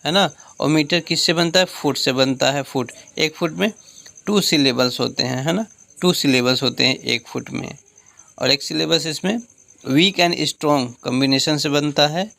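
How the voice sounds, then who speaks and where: A man's voice: a little high, a little slow, vocal fry, pushed and bright, dry recording. A man teaching an exam revision lecture, reading lines and explaining them again in Hindi, repeating key points.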